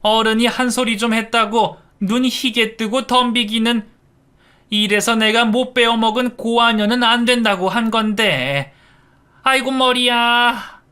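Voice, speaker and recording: A woman's voice: on the high side, sharp tone, clean tone, voice pushed up. A man doing a spiteful old mother-in-law. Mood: scornful. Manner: scornful, slow and theatrical.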